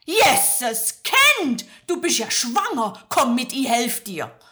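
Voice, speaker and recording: A woman voicing a brisk, kind older female farmer with a Swabian accent, bossy and chatty. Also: a little high, expressive, a bit bright. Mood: urgent.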